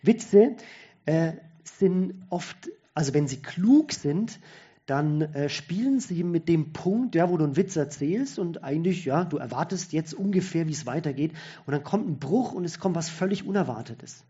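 A man's voice: fairly high pitch, animated, normal speed, warm tone, husky, highs cut off. A man giving a conversational sermon-style talk, thinking aloud with restarts.

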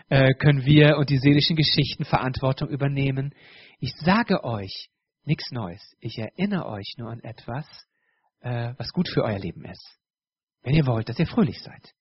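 A man's voice: mid-range voice, slightly rough, no echo, highs cut off. A middle-aged man preaching a sermon in a church, speaking directly to the congregation with frequent restarts.

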